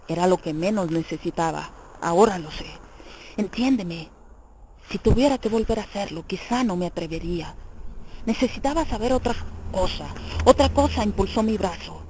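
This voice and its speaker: Tormented young male killer voiced by a woman, brooding, intense, mellow dark tone, audiobook reading. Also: medium pitch, slight background noise, close to an everyday voice.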